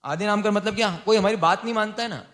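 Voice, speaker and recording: A man, a monk, gives an informal sermon on lay vows, teasing his listeners and quizzing them with quick repeated questions. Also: high-pitched, a bit bright.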